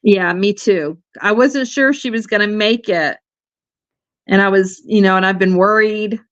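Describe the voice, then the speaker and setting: A livestream host who's starting to lose her voice talks in a chatty, casual way full of fillers and restarts. Her medium-pitched voice moves at a measured pace, and the recording has no echo but cuts off the highs.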